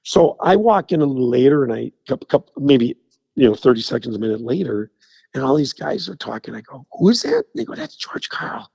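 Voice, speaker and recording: A man's voice: medium pitch, a little fast, vocal fry, slightly rough, no room sound, highs cut off. A man telling stories as a guest on a radio show, acting out the people in them. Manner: animated anecdote teller, acts out the people in his stories.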